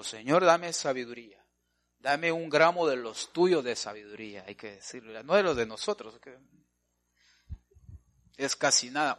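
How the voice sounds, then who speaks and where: A pastor preaching a sermon, asking his congregation questions and swinging between loud and soft. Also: a little high.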